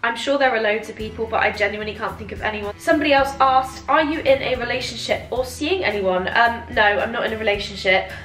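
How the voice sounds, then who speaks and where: A woman's voice: on the high side, fast, hardly any pauses, fairly bright tone. A British woman in her twenties chatting casually in a giggly, tipsy way as she answers viewer questions. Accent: British English. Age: 20s. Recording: roomy echo, music behind.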